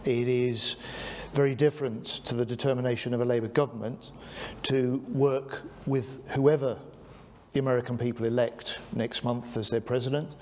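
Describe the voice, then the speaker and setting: A man chairs a press conference as a minister and answers questions in a measured, steady way. A faint hiss of noise sits under his voice. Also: mid-range voice. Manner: measured, calling on reporters by name. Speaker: defence secretary hosting press conference.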